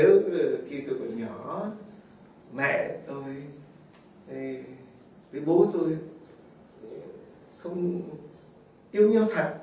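High-voiced older priest in an echoey church. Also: male voice, darkish tone. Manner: folksy storytelling, fond asides and chuckles. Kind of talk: homily. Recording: very echoey hall, mic far off, faint noise.

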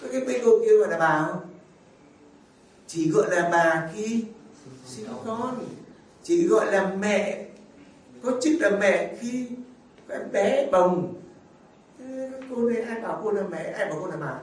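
In a very echoey church, a male priest preaches a sermon in a high voice with lively intonation, picked up from far off the mic over faint ambience. He goes a little slowly and pauses often. He poses rhetorical questions to the congregation.

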